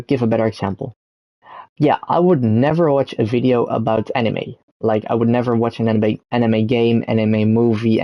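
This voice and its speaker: This content creator, a young man from the Netherlands with a Dutch accent, chats unscripted to camera and trips over ums and self-corrections. His gravelly, warm voice is medium in pitch, and the recording has no room sound.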